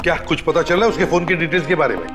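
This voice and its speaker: An actor playing a senior police officer who gives orders in a TV crime drama. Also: male voice, on the high side, fast talker, music in the background, close to an everyday voice. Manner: commanding, giving orders.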